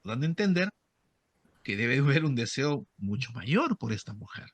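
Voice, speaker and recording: A middle-aged man with a mid-range voice speaks at a moderate pace with no echo. He's a psychoanalyst appearing as a guest in an interview, explaining cases through animated storytelling and acting out the dialogue from his sessions with patients.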